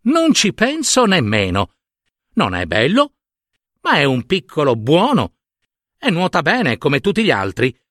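A man putting on a caring mother duck from a storybook, soft and coaxing, in a slightly raised, lively voice. She takes her time, and the sound is close and dry. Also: fairly high pitch, measured pace, dry recording, full character voice. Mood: tender. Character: gentle protective mother duck, female.

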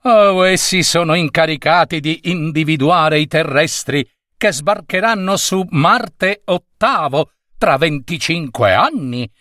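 A man squeaking as a bossy little space chick. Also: expressive, slow, no echo, clean studio sound, exaggerated voice. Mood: lecturing. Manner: lecturing, sharp and self-important. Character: small cosmic chick, alien space commander, bossy.

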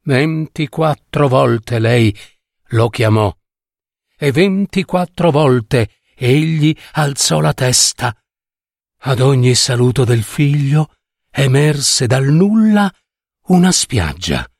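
A man reading a folk tale aloud in a slow, expressive storytelling manner. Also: mid-range voice, gravelly, dry recording, studio quality.

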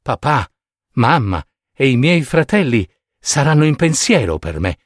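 A man's voice: mid-range voice, sing-song, unhurried, no echo, studio quality. A man voicing a small, kind female swallow in a storybook, speaking earnestly and pleadingly. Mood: wistful.

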